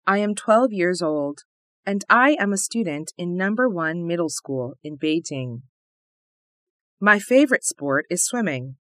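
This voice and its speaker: In a scripted listening test, a woman plays a twelve-year-old schoolgirl introducing herself, speaking slowly with careful enunciation. Her voice is on the low side and a bit bright, recorded in clean studio sound with no echo.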